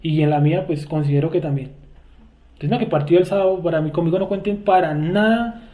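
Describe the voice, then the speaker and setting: A man's voice: on the high side, fast talker, mellow. A man with a Bogotá Colombian accent teaching a Bible study class in a conversational way, often checking that everyone follows and asking the class questions. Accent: Bogotá Colombian Spanish. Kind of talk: informal religious teaching.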